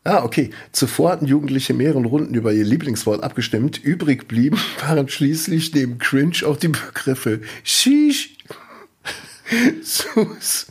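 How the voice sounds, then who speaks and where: Co-hosting a casual podcast, a man with a mid-range, slightly rough voice talks at a measured pace. He's relaxed and loose, reading out news items with plenty of fillers.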